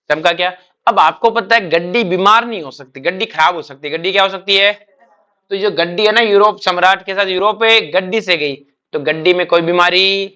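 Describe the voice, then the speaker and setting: A man's voice: high voice, bright, forceful tone. A male chemistry teacher giving a lecture, coaxing his students with repeated questions and stretching out key phrases of a memory trick. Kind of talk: classroom lecture.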